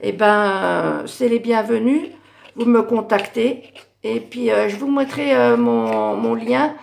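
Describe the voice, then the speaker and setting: A middle-aged woman showing her handmade Christmas cards in a casual craft vlog, hesitant with many fillers and self-corrections, her voice going hoarse. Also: a little high, slow, darkish tone, slight background noise. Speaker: craft YouTuber.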